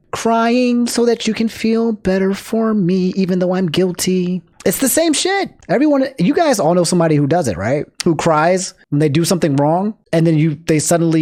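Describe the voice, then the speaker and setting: A man streaming live reaction commentary, blunt and profane, with sudden swings in how high and low he speaks. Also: a little mellow.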